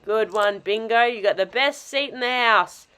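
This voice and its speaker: A woman's voice: a little high, normal speed, bright, forceful tone, a little hiss or hum, pitched below the performer's own voice. A woman voicing a cheerful, encouraging adult male cartoon dog, a dad and uncle, in children's toy role-play. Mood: upbeat. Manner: hearty, reassuring, encouraging.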